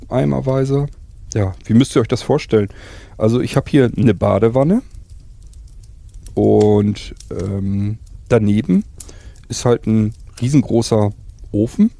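Gravelly, husky man, low and dark, rambling enthusiastic host for survival role-play. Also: a little slow, long pauses. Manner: rambling, enthusiastic, many fillers.

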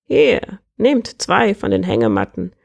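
A woman voicing a croaking, joke-loving male bird prince in a storybook reading, with a cheerful, joking manner. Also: mid-range voice, sing-song, normal speed, voice pushed up. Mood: jokey. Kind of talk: storybook character voice.

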